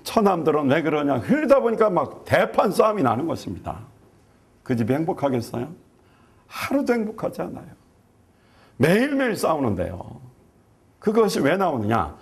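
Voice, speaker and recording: Gravelly, animated Korean pastor preaching. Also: male voice, a little high, moderate pace, long pauses. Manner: rhetorical questions, animated preaching. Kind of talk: sermon.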